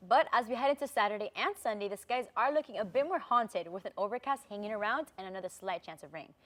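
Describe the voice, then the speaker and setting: A teenage girl co-anchoring a school news show, reading in a bright, playful way. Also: medium pitch, lively intonation, quick pace.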